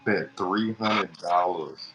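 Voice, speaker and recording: A man's voice: sits low, takes it slowly, background noise. A man in a casual sports chat, teasing bluntly in heavy slang.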